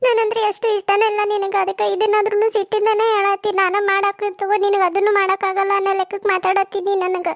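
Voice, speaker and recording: A woman's voice: very high voice, little pitch movement. A woman with a North Karnataka accent voicing a grumbling, overworked young village wife in a comedy cartoon. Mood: sulky. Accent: North Karnataka Kannada. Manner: nagging, complaining, fast-talking.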